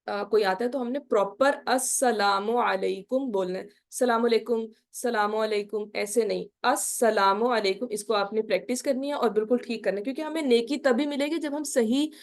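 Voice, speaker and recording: Woman, religion teacher, fairly high voice, asks questions, careful slow recitation. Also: darkish tone. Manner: quizzing listeners with repeated "ٹھیک ہے؟" checks. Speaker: Islamic studies teacher. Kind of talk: online lecture on prayer.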